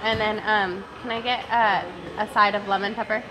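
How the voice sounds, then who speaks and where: A young woman ordering food at a drive-through from her car, pausing with "um" between items. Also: medium pitch, fairly even intonation, noisy background. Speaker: vlogger. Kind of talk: casual vlog chat.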